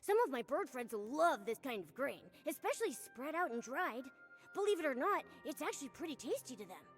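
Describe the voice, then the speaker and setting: A woman voicing a small, cute, curious companion creature in scripted, expressive game dialogue. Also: high-pitched, brisk. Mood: curious, friendly. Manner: animated, expressive. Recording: game music behind.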